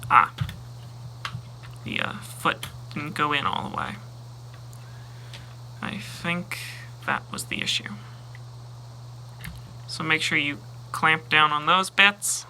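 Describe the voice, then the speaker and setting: A man explains a toy's transformation step by step in a relaxed, unhurried way. His voice sits a little high for a man, and he pauses and mutters to himself as he works. A steady hiss runs under the recording. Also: creaky, rough recording. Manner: talks through steps while handling a toy, pausing and muttering. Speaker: toy reviewer. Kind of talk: casual toy review walkthrough.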